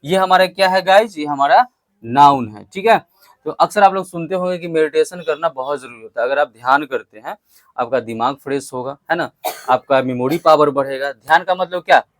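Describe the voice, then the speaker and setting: A man's voice: fairly high pitch, brisk, no room sound. A young male English teacher giving a vocabulary lesson, spelling each word out letter by letter and having the class repeat it back. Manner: call-and-response drilling, spells words letter by letter.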